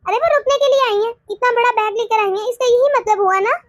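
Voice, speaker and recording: A woman voicing a bossy, stingy middle-aged mother-in-law in a cartoon, with sharp, rapid taunts. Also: very high-pitched, no room sound, studio quality. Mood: indignant. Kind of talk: cartoon voice acting.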